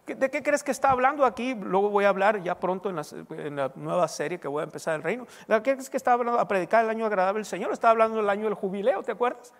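A male pastor with a high-pitched voice delivers a teaching sermon, throwing questions out to his congregation and waiting for their answers. His voice rings with a long reverb, recorded in a church hall. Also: very fast, few pauses.

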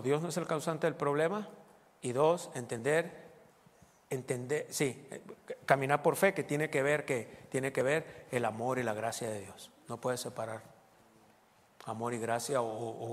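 A man preaching a sermon, reading scripture aloud and explaining it, with playful asides and loud exclamations. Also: mid-range voice, big-room sound. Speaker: pastor.

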